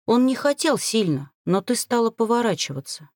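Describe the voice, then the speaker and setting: A woman's voice: a little high, very animated, normal speed, darkish tone, dry recording, clean studio sound, voice pushed up. A woman voicing a guilty middle-aged woman in a storybook, pleading and insistent.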